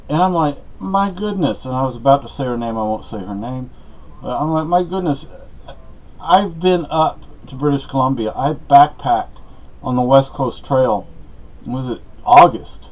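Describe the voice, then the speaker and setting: A middle-aged podcast host with a mid-range, darkish voice gives personal updates in a casual, rambling monologue. He talks conversationally, filling it with asides and personal anecdotes, and the lo-fi audio sounds dull.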